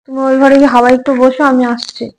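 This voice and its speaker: A woman playing an anxious young wife in a comic home drama, coaxing and apologizing to calm her husband. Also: sits high, racing, close to an everyday voice, low-quality recording. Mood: placating. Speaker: short-drama actress.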